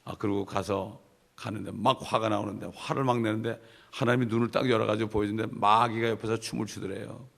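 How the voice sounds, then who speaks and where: A man's voice: lowish voice, flat delivery, fast talker, vocal fry, a bit bright. A middle-aged male pastor teaching a Bible study sermon, emphatic and conversational, with asides to the congregation.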